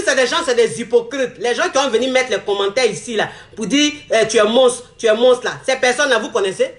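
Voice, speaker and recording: A woman vlogger with a fairly high, somewhat bright voice rants emphatically at her viewers. She repeats herself in a mocking tone and laughs often, and the room gives a noticeable echo.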